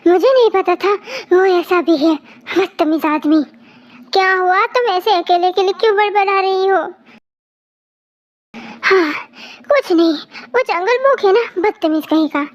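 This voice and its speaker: A woman's voice: extremely high pitch, measured pace, pauses often, muffled recording. A woman performing acted fan-fiction dialogue, trading taunts and insults as she switches between characters.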